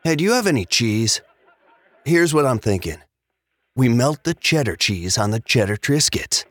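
An actor playing a laid-back stoner roommate who talks in an unbothered, drawling slacker way. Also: male voice, mid-range voice, sing-song, normal speed, a bit bright, no room sound. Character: laid-back stoner male roommate, easygoing and munchie-minded. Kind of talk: audio drama acting.

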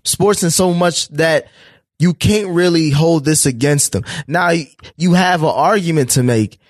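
A man's voice: on the high side, measured pace, no echo, studio quality. A man co-hosting a sports podcast, talking animatedly and often restarting his words as he jumps into the debate. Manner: animated, talks over others, repeats words when starting. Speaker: podcast co-host.

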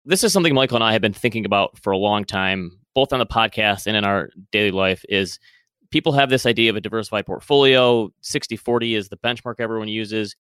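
A man's voice: fairly low pitch, fast talker, a bit bright, smooth, no room sound. A man hosting a podcast interview, putting questions in a conversational style.

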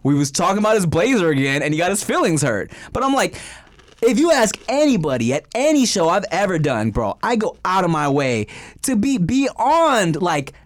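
A man co-hosting a podcast, telling a story in animated casual chat and swearing freely. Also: sits high, normal speed. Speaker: podcast co-host.

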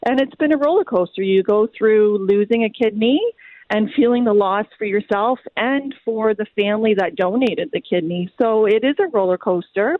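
A woman's voice: mid-range voice, normal speed, dry recording. A Canadian woman in her forties, a guest speaking earnestly with frequent ums in an interview over a tinny phone line.

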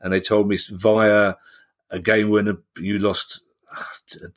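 A man hosting a podcast, chatting and bantering in a jokey, relaxed way. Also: lowish voice, slow. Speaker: podcast host. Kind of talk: casual podcast chat.

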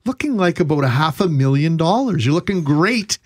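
A man's voice: fairly high pitch, sing-song, a little fast, a little mellow, no echo. Joking radio host man, dry studio sound. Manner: joking, teasing. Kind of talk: casual radio banter. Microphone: studio microphone.

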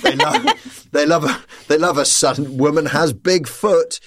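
A man's voice: fairly high pitch, big pitch swings, a little slow, background noise. A man chatting as a comedian guest on a panel, playful and laughing as he rambles through asides. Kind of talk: casual panel chat.

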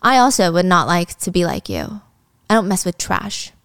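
A woman's voice: fairly low pitch, wildly swooping pitch, moderate pace, clear, resonant tone, dry recording, clean studio sound. Woman voicing a cold haughty young man. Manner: cold, cutting.

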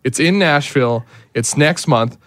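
A man's voice: medium pitch, a little slow, no echo. A man, a radio co-host, leaving a rambling, sheepish voicemail on a studio mic and laughing at himself. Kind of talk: casual on-air chat.

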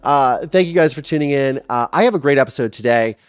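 A man's voice: mid-range voice, lively intonation, fast talker, clear, resonant tone, no echo, clean studio sound. A man in his thirties hosting a podcast, talking casually and rambling with fillers and restarts, openly emotional at times. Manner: openly emotional, voice softening when moved. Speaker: podcast host.

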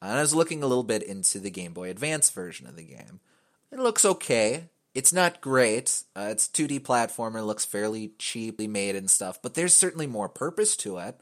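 A man with a fairly low voice hosts a casual podcast chat. He rambles and hedges, restarting his sentences and filling the gaps with "uh." His humor stays wry and offhand throughout. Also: sing-song, normal speed. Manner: rambling, many fillers and restarts; wry, joking. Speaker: podcast host.

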